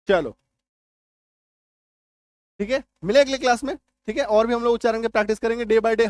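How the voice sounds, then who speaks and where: An English teacher with a high voice gives a spoken spelling lesson, drilling words aloud and checking that his students understand. The recording has no room sound.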